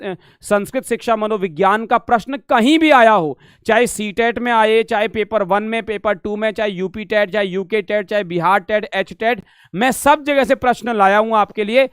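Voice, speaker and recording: A man's voice: high voice, normal speed, fairly bright tone, smooth, no room sound, clean studio sound. A man teaching an online exam-prep lesson, repeating points and checking whether students understood. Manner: repetitive, asks "samajh gaye?" often, calls students beta; drills questions back at the class. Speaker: Sanskrit teacher.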